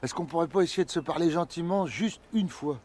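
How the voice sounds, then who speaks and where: An actor playing a polite but smug customs officer in a film scene. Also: male voice, a little high, a little fast, a little mellow, slight background noise, lightly acted.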